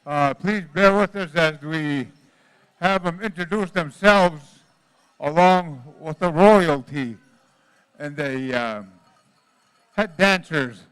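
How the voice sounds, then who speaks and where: A man announces a powwow as emcee in a noticeably high, smooth voice. The sound is quite dry, and his delivery is folksy and informal, as live event announcing. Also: slow, long pauses, a bit bright, no echo, poor audio. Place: powwow at a casino event, over a PA.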